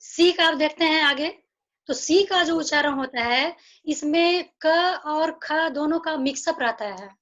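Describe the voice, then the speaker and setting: Female teacher, high voice, unhurried; drills letter sounds one by one over a dull video-call line. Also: a bit bright. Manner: slow, repeating each sound deliberately. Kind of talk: online phonics lesson.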